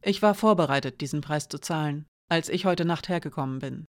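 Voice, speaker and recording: A reader voicing a composed young woman who speaks quietly and steadily, lower and softer than the narration. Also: a little fast, no echo, clean studio sound, natural voice. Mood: calm. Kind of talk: audiobook character reading.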